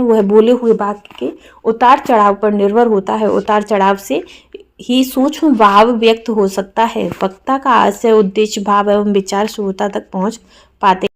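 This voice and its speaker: A woman's voice: a little high, slight background noise. A woman teacher reading a prepared exam answer aloud as a lecture, stressing words in example sentences.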